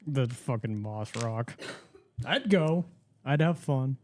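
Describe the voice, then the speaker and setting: A man's voice: mid-range voice, lively intonation, slow pace, a little mellow, slight background noise. A young man co-hosting a podcast, bantering crudely and mockingly in casual chat. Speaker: podcast co-host.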